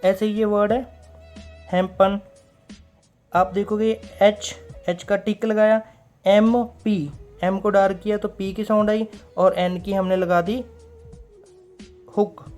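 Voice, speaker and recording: A man teaching a recorded stenography class, explaining step by step, repeating key words and slowing down when he reads out rules. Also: sits high, little pitch movement, a little mellow, faint music behind.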